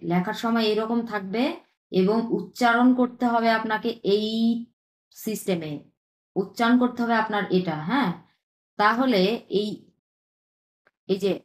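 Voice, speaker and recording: Woman teacher, online lesson, patient and repetitive, checks in with students, echoey room. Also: a little high. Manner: repeats words slowly, checks in with "হ্যাঁ?". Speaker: language teacher.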